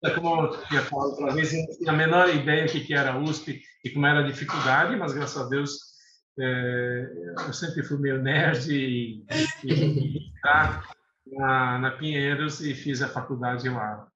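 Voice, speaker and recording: Here the same Lebanese-born eye doctor in his sixties, whose first language is Arabic, speaks in a mid-range voice with fairly even intonation at a moderate pace, sounding bright and forceful. As an interview guest he chats unhurriedly, with fillers and restarts. The recording is echoey and slightly dull, with faint noise.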